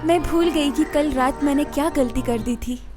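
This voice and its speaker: An actress playing a lonely, wistful young woman in love in a dubbed film, speaking softly and reflectively. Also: sits high, normal speed, music in the background, lightly acted. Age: young adult. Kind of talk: dubbed film acting with inner-monologue narration. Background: film score.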